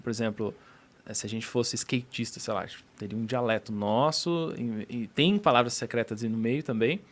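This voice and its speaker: Male podcast panelist, mid-pitched, casual, ticks through points one by one, studio mic. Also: moderate pace. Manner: explains in enumerated lists.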